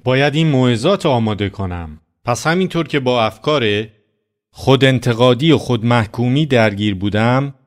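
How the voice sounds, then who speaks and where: Earnest man preaching a personal story. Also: mid-range voice.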